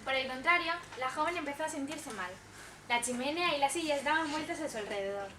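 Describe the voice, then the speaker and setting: A woman's voice: high-pitched, a little fast, a crowd in the background. A young woman narrating a scripted children's fairy tale in a school play. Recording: echoey stage, far mic, audience noise.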